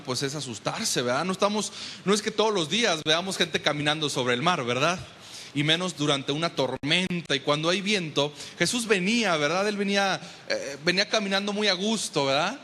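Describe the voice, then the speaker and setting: A man's voice: high voice, pushed and bright, long reverb tail, slight background noise. A man preaching a sermon as pastor in a church, emphatic and often asking the congregation to confirm.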